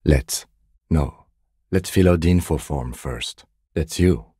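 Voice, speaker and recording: A meticulous male police detective from a video game speaks in scripted dialogue with an extremely low, mellow, slightly husky voice. Deadpan and restrained, he measures out each remark slowly with dry, businesslike sternness. The delivery is heavily acted, with no echo.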